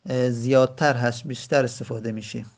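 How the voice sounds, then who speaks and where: Teaching Arabic grammar at a slow pace, this man repeats words and draws out examples, frequently pausing with hesitant fillers. He speaks at a medium pitch in an even, steady tone.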